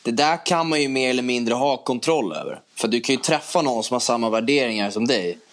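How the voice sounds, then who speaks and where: A young man co-hosting a podcast in casual chat, teasing and quick to laugh. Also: mid-range voice. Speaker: podcast co-host.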